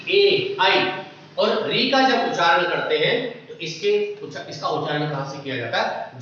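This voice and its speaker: A man's voice: on the high side, pushed and bright, a little hiss or hum. A man teaching a lesson, asking rhetorical questions and drawing out sounds as examples, recorded far from the mic in an echoey room with dull lo-fi sound. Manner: repeats checks like "ठीक है" and rhetorical questions, draws out vowel sounds. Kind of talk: classroom lesson on Hindi phonetics.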